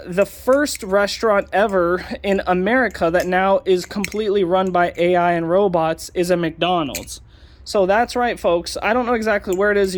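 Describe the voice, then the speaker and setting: A young man hosting his own channel, ranting casually with sarcasm and lots of ums and uhs. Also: sits high. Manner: ranting, sarcastic, many fillers. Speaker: channel host. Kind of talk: casual commentary vlog.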